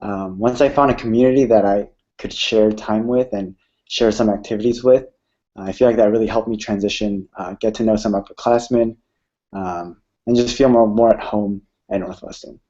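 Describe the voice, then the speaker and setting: A man's voice: fairly low pitch, fairly even intonation, normal speed, warm tone. A young man from Illinois, a student peer advisor, chatting easily on a panel. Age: young adult. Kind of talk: casual panel chat. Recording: dull lo-fi audio.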